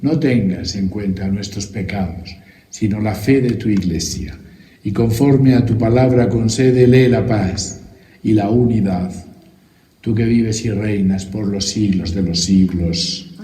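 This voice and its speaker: A priest leading Mass, reciting the liturgical prayers in a solemn, measured way, his voice carrying a church echo. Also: fairly low pitch, dark tone. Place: large church. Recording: roomy church echo with faint music.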